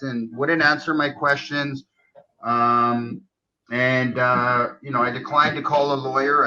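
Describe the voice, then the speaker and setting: A middle-aged man on a live stream recounts his own story, agitated and indignant, acting out what others said to him in quoted dialogue. His medium-pitched voice sounds pushed and bright. The stream audio is dull and lo-fi.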